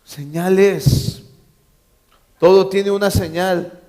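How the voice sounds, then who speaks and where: A male pastor delivers a sermon in a church, his voice sitting somewhat high for a man. He hammers key phrases through repetition and keeps checking in with his listeners. Joking asides lighten the preaching. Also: fairly even intonation, takes it slowly, mellow. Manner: emphatic, repeats key phrases, quizzes the congregation, joking asides.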